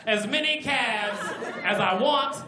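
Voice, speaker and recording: A man doing a stand-up comedy set in a club, with loud, animated punchlines and bursts of shouting. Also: very high-pitched, slow. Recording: echoey club with loud crowd noise. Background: audience laughter.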